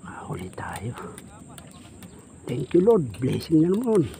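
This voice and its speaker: A Filipino man vlogging while hunting fish alone from a boat, murmuring quietly as he stalks and speaking up when he moves spots. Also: a little high, wildly swooping pitch, slow pace, gravelly. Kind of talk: casual vlog commentary. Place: outdoors on a boat on a weedy lake. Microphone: action camera. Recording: outdoor ambience noise, wind.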